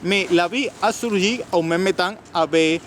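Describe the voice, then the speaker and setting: A man from Cuba, a native Spanish speaker, talking casually in halting French with a Cuban Spanish accent, repeating words for emphasis. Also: high-pitched, fairly bright tone. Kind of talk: casual street discussion. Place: outdoors in a city. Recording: noisy outdoor urban street with traffic.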